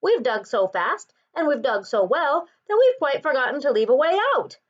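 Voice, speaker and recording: A woman's voice: high-pitched, sing-song, normal speed, distant mic, lo-fi sound, pitched above the performer's own voice. A woman voicing a good-natured, hardworking steam shovel man in a picture book, earnest and emphatic. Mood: rueful. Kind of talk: children's picture book read-aloud.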